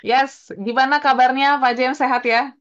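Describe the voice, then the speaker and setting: A woman's voice: high voice, steady tone, moderate pace. A woman hosts a business radio show, upbeat and mixing in English phrases. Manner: upbeat, mixes English phrases, frequent "gitu ya". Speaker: radio host. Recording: dull lo-fi radio broadcast.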